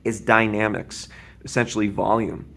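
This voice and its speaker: A man teaching drums, explaining a beginner beat and counting aloud with a steady, patient manner, often checking in with "right?". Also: on the low side, normal speed, vocal fry. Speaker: drum teacher. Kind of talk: instructional demonstration. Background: drum kit playing.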